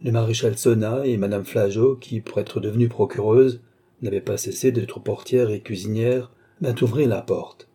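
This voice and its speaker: Man reading a classic novel; husky, mellow tone, steady delivery. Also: on the low side, normal speed. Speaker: audiobook narrator.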